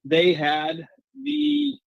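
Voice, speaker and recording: A man's voice: fairly high pitch, sing-song, drawn-out words, slightly rough, dry recording. A man joining a sports talk show as a chatty, self-deprecating guest. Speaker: guest co-host. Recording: dull, dry remote line.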